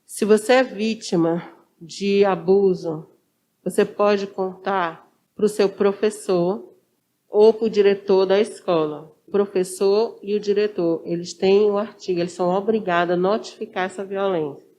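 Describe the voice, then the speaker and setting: A social worker with a Brazilian accent speaks as a guest in an informal explanatory interview, conversational and didactic, repeating her key points. Her medium-pitched voice is steady, warm and a little slow.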